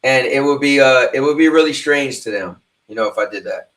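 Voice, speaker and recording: A fifty-year-old livestream host talks directly to viewers in a loose, rambling, casual way. His mid-range voice moves a little fast. The mic is distant, the sound roomy, and the background noisy.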